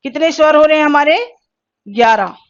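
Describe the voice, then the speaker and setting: A woman teaching a Hindi exam-prep lesson, asking questions and then answering them herself, and sounding out each vowel slowly. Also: sits high, highs cut off. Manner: slow, careful pronunciation drills.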